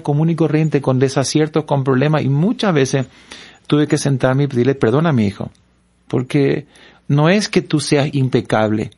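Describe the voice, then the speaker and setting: A pastor from Paraguay telling stories and preaching earnestly, repeating words for emphasis. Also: male voice, fairly high pitch, a little mellow. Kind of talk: preaching-style storytelling in a panel talk.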